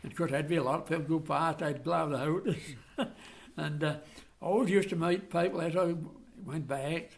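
A man's voice: on the high side, fairly even intonation, gravelly. Elderly man with a broad Suffolk accent. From Suffolk, England. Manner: rambling, halting, rustic dialect turns of phrase. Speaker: care home resident being interviewed. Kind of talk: casual reminiscing chat.

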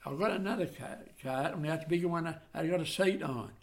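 An elderly man with a broad Suffolk accent, chatting casually in a halting, rambling way with rustic dialect turns of phrase. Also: a little high, creaky. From Suffolk, England. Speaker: care home resident being interviewed. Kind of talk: casual reminiscing chat.

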